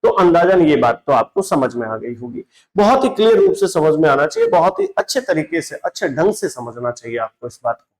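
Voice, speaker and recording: A man's voice: a little high, huge pitch swings, brisk, poor audio. A man teaching Hindi grammar in an online lesson, often asking a question and answering it himself, calling his students brother and dropping English words into his Hindi. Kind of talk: classroom-style online lesson.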